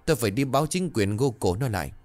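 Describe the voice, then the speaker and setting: A man's voice: mid-range voice, expressive, quick pace, a little mellow, faint music behind, close to an everyday voice. A man voicing an older village wife who wails and scolds over her losses in a ghost story. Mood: accusing. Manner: wailing, scolding. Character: shrill grasping old village wife.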